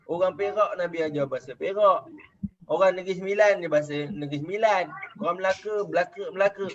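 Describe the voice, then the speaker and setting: This young man, speaking with a Malaysian Malay accent, runs an online religious lesson for children, asking questions again and making sure they understand. He talks fast in a high voice, with slight background noise on muffled, lo-fi video call audio.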